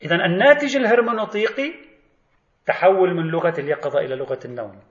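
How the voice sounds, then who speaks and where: A male lecturer, giving an animated spoken lesson on religious thought and acting out imagined questions to the theorist he discusses. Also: high voice, quick pace. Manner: animated, voices imagined exchanges and asks rhetorical questions. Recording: echoey, slightly dull lecture recording.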